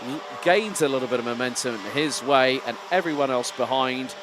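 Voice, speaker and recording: A man's voice: mid-range voice, moderate pace. A man giving live motorsport commentary on a kart race with colourful, dramatic turns of phrase. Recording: clear outdoor engine and track noise.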